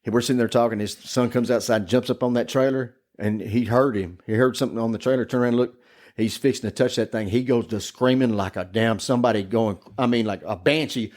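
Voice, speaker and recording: A man's voice: mid-range voice, steady tone, quick pace, darkish tone. Man, rambling ghost-story teller, cusses a lot, chatty podcast guest. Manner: rambling, profane, laughing through his story. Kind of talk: casual ghost story chat.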